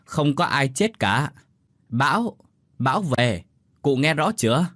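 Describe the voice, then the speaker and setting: A man voicing a loud, bossy elderly village woman who shouts and fusses at her deaf neighbor in an audio story. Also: medium pitch, big pitch swings, a little fast, no room sound, studio quality, voice pushed up, natural voice. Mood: urgent shouting. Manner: shouting, urgent, scolding.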